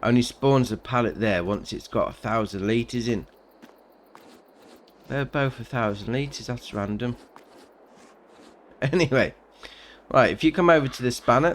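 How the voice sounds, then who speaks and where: A gaming channel host reviews a game mod in a chatty, upbeat way, often saying "very nice" and "right, next up." His voice is medium-pitched and he speaks a little slowly, with long pauses.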